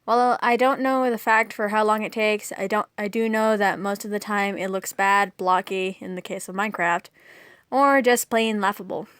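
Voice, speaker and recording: A woman's voice: mid-range voice, fairly even intonation, moderate pace, fairly bright tone, smooth, no room sound, studio quality. A young woman chatting casually and reading from a list, often distracted and breaking off to apologize. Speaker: co-host.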